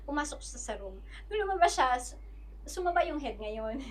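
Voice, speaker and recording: A Filipino woman with a voice that sits high, speaking at normal speed, tells a personal story as a podcast guest in casual conversation. She is animated and acts out other people's words in quotes.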